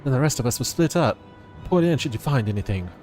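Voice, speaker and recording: A man's voice: expressive, a little mellow, lightly acted. A man voicing an anxious, earnest young male royal claimant in a raised voice, with game music underneath. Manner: raised pitch, slow worried delivery.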